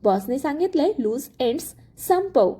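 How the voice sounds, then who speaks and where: Story-read male villain, cold and mocking, read by a woman, high mellow voice. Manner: calm, mocking, slow menace. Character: cold scheming male villain, grown man.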